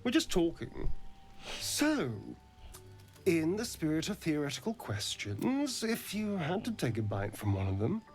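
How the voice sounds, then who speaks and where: A silky, languid vampire elf. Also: male voice, fairly high pitch, wildly swooping pitch, unhurried, faint music behind. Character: centuries-old vampire elf, silky and predatory.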